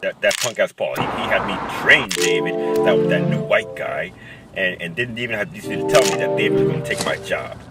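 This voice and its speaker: Actor as anxious working man, low-pitched, halting streetwise talk, naturalistic drama, loud music. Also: animated, distant mic. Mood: bewildered, worried. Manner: halting, repeats words, streetwise. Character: anxious, down-on-his-luck working man, pleading and indignant.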